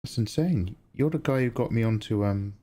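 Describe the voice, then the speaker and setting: A man with a deep, relaxed voice hosts a casual livestream. His tone is dark and mellow. He rambles along conversationally, thinking aloud as he talks to his viewers. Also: moderate pace. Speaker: streamer and digital artist.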